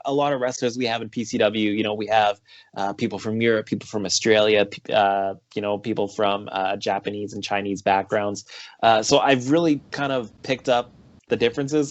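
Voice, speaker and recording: Speaking at a medium pitch and brisk pace, a man with a Canadian accent, a pro wrestler, gives a loose, chatty interview heavy with filler words. The audio is dry and sounds muffled.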